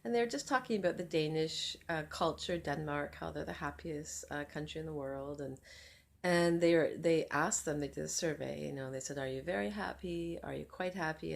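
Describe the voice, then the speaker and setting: A woman with a low, gravelly voice talks through a personal reflection as a happiness coach. Her delivery is earnest and gentle, with frequent pauses and soft fillers. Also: steady tone. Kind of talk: personal reflective talk to camera.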